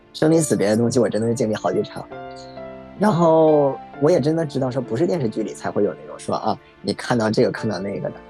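A man in his thirties recounts a hard memory in a rapid, fluent stream, pausing on fillers as he thinks back. His voice is mellow and dark, and soft music plays faintly behind him. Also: mid-range voice. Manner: reflective, halting, many fillers. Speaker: podcast guest sharing a personal story. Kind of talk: emotional first-person storytelling. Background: faint background music.

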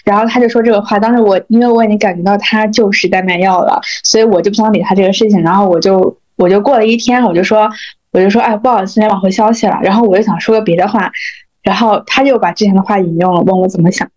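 Fast-talking woman in casual chat. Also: mid-range voice, fairly even intonation, darkish tone. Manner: chatty storytelling with laughs. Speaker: podcast co-host. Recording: dull lo-fi audio.

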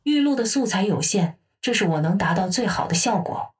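A woman voicing a calm female AI voice assistant who talks in an even, matter-of-fact way. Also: mid-range voice, a little fast, distant mic, natural voice.

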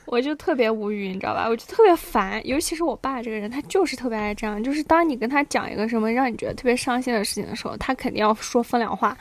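A young woman in her twenties co-hosting a casual chat podcast, telling stories in an animated way and often asking "you know?". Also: on the high side, fast, hardly any pauses. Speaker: podcast co-host.

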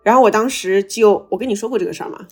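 A woman podcast host telling a personal story over a video call, excited and slightly stammering, with many restarts. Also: medium pitch, very fast, slightly rough, faint music behind. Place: travelling abroad, on a video call.

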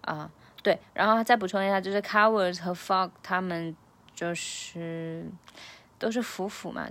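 A woman coaches English pronunciation in a relaxed, chatty way. Her voice sits a little low, and she takes her time, explaining each sound patiently. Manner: explains sounds slowly, repeats lines at slow speed. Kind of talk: casual pronunciation lesson.

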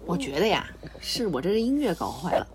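It's bedtime at home, and a mother teases her young daughter playfully, laughs often and soothes her as soft music she chose plays. Her voice is lowish, a little fast, with big swings in pitch.

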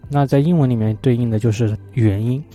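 A man talking on his own about poetry in a relaxed, thoughtful way, often pausing on fillers as he thinks aloud. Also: mid-range voice, faint music behind. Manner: thoughtful, hesitant, many fillers. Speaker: vlogger. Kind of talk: casual solo talk about poetry.

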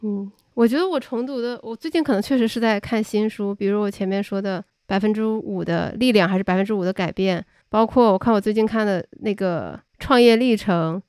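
A woman hosting a podcast chat, speaking in a measured, reflective way. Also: medium pitch, a little mellow, clean tone, no echo, studio quality. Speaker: podcast host.

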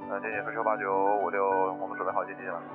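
A man's voice: on the low side, little pitch movement, rapid-fire. Male pilot on a cockpit headset radio. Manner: terse, clipped procedural phrasing. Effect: pilot speaking over a cockpit headset radio. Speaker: airline pilot. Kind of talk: radio readbacks to air traffic control. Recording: narrow phone-like radio band with music.

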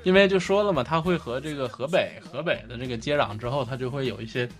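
A male podcast co-host with a Northeastern Chinese accent chats casually, explaining things haltingly and often repeating his phrases. His pitch is medium, with soft music in the background.

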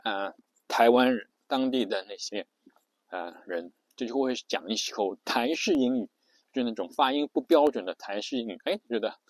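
A man's voice: medium pitch, darkish tone, no echo. A man giving a casual spoken lesson, chatty and full of fillers, often stopping to ask his listeners a question.

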